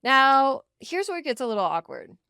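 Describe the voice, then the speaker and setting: A chatty woman co-hosting a podcast, her voice high and bouncing all over the place. She laughs often and peppers her talk with "like." The sound is close and dry, with no room around it. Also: very animated, moderate pace, bright, forceful tone, no echo. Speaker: podcast co-host. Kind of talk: casual chat. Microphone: studio mic.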